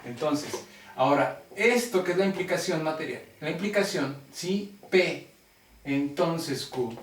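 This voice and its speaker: A man with a Mexican accent teaching a logic class, talking deliberately and constantly checking that students follow. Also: on the high side, expressive. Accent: Mexican Spanish. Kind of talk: classroom lecture. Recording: roomy classroom, mic far off.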